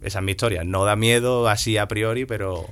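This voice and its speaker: A man's voice: lowish voice, fairly even intonation, brisk, fairly bright tone. A man, a podcast guest and musician, telling a story in a slangy, rambling, conversational way. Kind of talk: casual storytelling.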